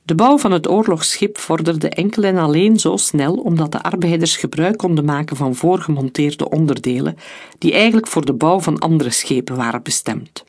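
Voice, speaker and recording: A narrator reading a historical story in a steady storytelling voice. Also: mid-range voice, normal speed.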